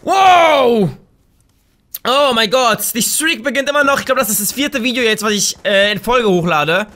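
Young German man, gaming commentary; very high, bright voice, hyped and prone to yelling at opponents. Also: fairly quick. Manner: excitable, trash-talking, bursts into shouts. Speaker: gaming YouTuber. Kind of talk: live gameplay commentary.

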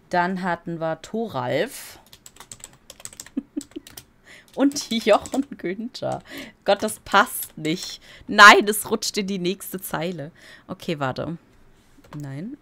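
A woman's voice: mid-range voice, sharp tone, a little hiss or hum. A woman giving casual gameplay commentary as a let's play streamer, chatty and giggly and playfully silly.

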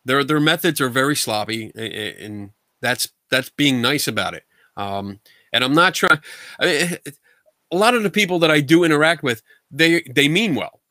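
A middle-aged American man, a guest paranormal investigator, is being interviewed casually over a video call from a room at home full of collectibles. He's blunt, colloquial and animated, with a bright, forceful, mid-range voice at normal speed. The sound is dry and close, with no room sound.

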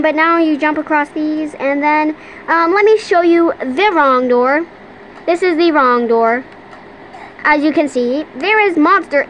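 A woman's voice: high-pitched, a bit bright, a little hiss or hum, poor audio. A female gamer chatting casually and giggling as she plays, with lots of ums along the way, at home at her computer. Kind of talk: casual game commentary.

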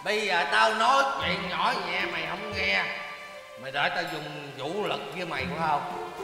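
An actor playing a drunken, bullying rural husband, barking orders in a gravelly voice. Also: male voice, sits high, moderate pace. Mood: threatening. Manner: bullying and rough, swings between mutters and shouts. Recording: roomy film sound with long reverb and music.

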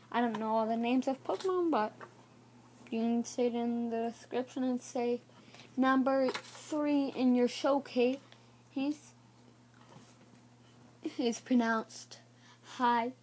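Slow, halting high-voiced woman. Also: a little mellow, slight background noise. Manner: halting, unsure naming of items. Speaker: card showcase vlogger. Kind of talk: casual card showcase.

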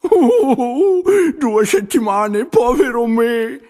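A squeaky young beaver. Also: male voice, very animated, takes it slowly, big-room sound, full character voice. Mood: pained. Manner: wailing, high and strained. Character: young male beaver, cheerful but aching. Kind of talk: children's storybook narration.

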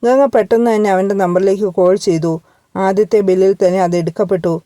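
A woman narrating a romance story in a steady, measured storytelling manner. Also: medium pitch, no echo. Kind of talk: scripted narration.

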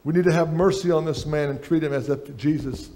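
A man's voice: a little high, a little fast, warm tone. A middle-aged man preaching a sermon on a church stage, reading aloud from a book at a lectern.

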